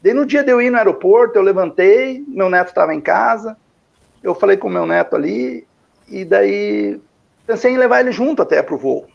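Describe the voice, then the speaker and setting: A man's voice: high-pitched, lively intonation, moderate pace, vocal fry. An older man with a Brazilian Portuguese accent telling his testimony to a pastor, rambling and repeating himself with lots of fillers. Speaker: guest giving a testimony. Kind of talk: emotional storytelling. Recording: dull lo-fi recording.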